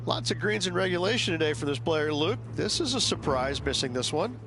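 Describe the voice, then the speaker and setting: A man's voice: fairly high pitch, lively intonation, a little fast, over music. A man performing as an enthusiastic, knowing golf commentator and analyst in a video game, speaking conversationally. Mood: enthusiastic, advising.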